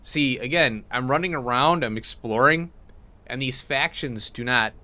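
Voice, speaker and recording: A man's voice: mid-range voice, measured pace, sharp tone. A man giving casual gameplay commentary, chatty and thinking aloud as he goes. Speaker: gaming video host.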